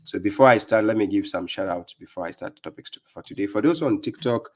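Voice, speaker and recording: A man's voice: on the low side, fast talker, a little mellow. A middle-aged man from Ghana with a Ghanaian accent, hosting a live-stream religious talk, speaking emphatically and checking in with "right?" as he goes. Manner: emphatic, repeats "right?" often, greets viewers by name. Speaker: livestream host and religious speaker.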